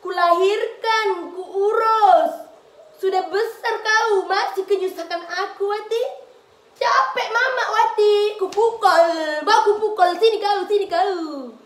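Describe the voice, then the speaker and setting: A woman's voice: extremely high pitch, slow pace, voice pushed up. A woman voicing an exhausted pregnant mother who scolds her grown daughter in a nagging, sing-song way, in a comic skit. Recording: echoey room.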